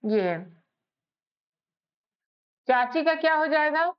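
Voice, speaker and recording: A woman teaching a spelling lesson, spelling out letters one by one in a slow, patient way. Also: high-pitched, lively intonation. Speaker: English teacher. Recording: slightly dull lo-fi recording.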